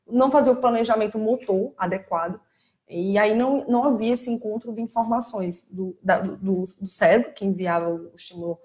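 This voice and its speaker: With a mid-range voice at normal speed, a Brazilian woman speaks in a Brazilian Portuguese accent on a casual live stream. She's a speech therapist for children who explains clearly and gets animated when acting out how kids speak.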